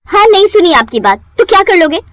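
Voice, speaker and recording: A woman voicing a sharp-tongued, scheming young daughter-in-law who scolds her old father-in-law in a storybook cartoon. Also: animated, fairly quick, no room sound. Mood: scornful. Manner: shrill, scolding.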